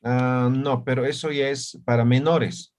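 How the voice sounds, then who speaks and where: A man's voice: medium pitch, fairly even intonation, unhurried, darkish tone. A man teaching a language class on a video call, checking often that students follow. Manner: checks understanding with frequent tag questions.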